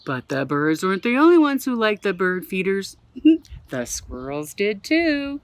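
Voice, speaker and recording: A woman from Canada reading a children's picture book aloud in her backyard for a museum, playful and expressive, with exclaimed asides. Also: medium pitch, unhurried, no echo. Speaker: museum storyteller. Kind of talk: children's storybook read-aloud. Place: own backyard.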